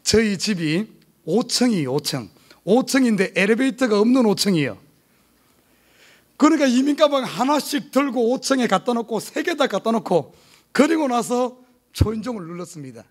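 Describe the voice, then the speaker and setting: With an extremely high-pitched voice at a moderate pace, a Gyeongsang-accented South Korean pastor in middle age tells his congregation a humorous story from his life. His delivery in the church sanctuary is animated and lively.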